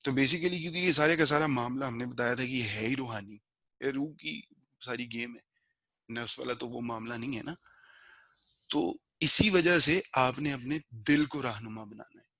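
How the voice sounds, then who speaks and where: A man explaining a book of spiritual rules step by step in a relaxed, conversational teaching style, slipping English words into his talk. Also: medium pitch, dry recording. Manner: slow measured recitation of a prayer verse. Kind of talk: informal spiritual lesson.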